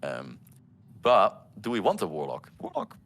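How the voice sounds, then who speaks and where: A man who develops games, giving casual commentary over gameplay with many pauses and restarts. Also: fairly low pitch, sing-song, a bit bright. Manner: halting, full of ums and restarts. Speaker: game developer co-hosting a gameplay stream.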